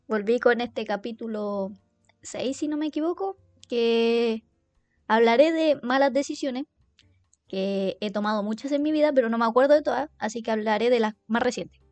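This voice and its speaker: A woman's voice: fairly high pitch, a little mellow, dry recording. Young chilean girl rambling about her own dumb choices, lots of slang, faint music behind. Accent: Chilean Spanish. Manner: chatty, self-mocking, heavy slang, quick laughs. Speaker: podcast host. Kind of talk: casual storytelling monologue.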